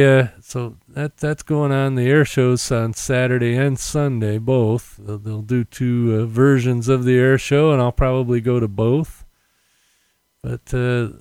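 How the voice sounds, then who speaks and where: Casual American male podcaster, smooth mid-pitched voice, loose and self-correcting, dry close condenser mic with popping p sounds. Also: darkish tone, no echo. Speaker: podcast host. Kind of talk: casual unscripted solo podcast chat. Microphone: condenser mic without windscreen.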